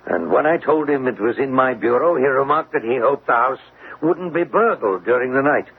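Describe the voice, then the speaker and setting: In a tinny, hissy old radio recording, an actor plays a stern, anguished middle-aged father, delivering his lines in a formal, theatrical way for a vintage radio drama. His voice is medium-pitched and close to everyday speech, with lively intonation at a normal speed. He sounds troubled.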